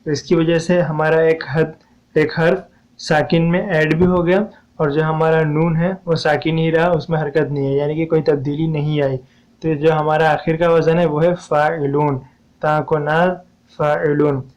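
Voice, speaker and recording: A man's voice: a little high, flat delivery, moderate pace, darkish tone, muffled recording. Man teaching poetic meter, diction. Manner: patient, repeats steps, urges viewers to ask questions. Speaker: poetry teacher. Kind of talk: explaining a lesson on poetic meter.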